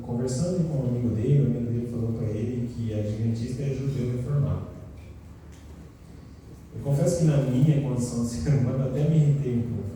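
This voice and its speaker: A man's voice: mid-range voice, a little hiss or hum. Man teaching a church class in an echoey hall. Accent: Brazilian Portuguese, São Paulo. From São Paulo state, Brazil. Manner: asks the class questions and answers them, animated storytelling. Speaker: Sabbath school teacher. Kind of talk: church Bible lesson with questions to the class. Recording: echoey hall recorded from a distance.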